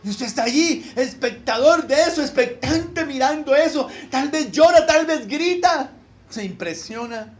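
A man preaching a sermon as pastor. He talks straight to his listeners with rhetorical questions and swings from hushed low asides to loud emphatic peaks. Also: expressive, a little slow.

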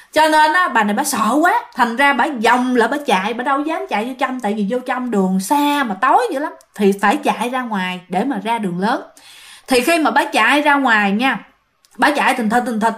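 A woman's voice: a little high, a bit bright. A woman telling a ghost story casually, talking directly to her listeners. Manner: chatty, addresses listeners directly.

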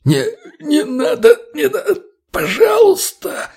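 A man voicing a terrified male security chief who begs for mercy in a shrill, wailing falsetto while crying. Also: wildly swooping pitch, slow, creaky, a little mellow, exaggerated voice. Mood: sobbing plea. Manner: begging, choking, drawn out.

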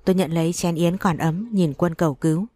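A calm, even woman narrates a first-person story as an audiobook reader, moving at a fairly quick pace. Her mellow voice sits low, and the sound is dry and close, with no echo and no room around it.

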